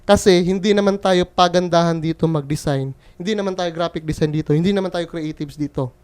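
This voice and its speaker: High-voiced, clear young man from the Philippines. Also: a little fast, darkish tone. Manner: chatty, joking storyteller who quotes others. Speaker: freelance bookkeeper, vlogger. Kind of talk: casual storytelling vlog.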